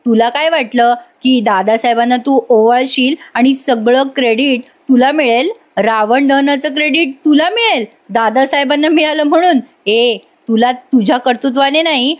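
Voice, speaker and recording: A sly, scheming woman with a mocking, taunting edge, voiced by a woman narrating a recap. Her voice runs high. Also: moderate pace, few pauses, lightly acted.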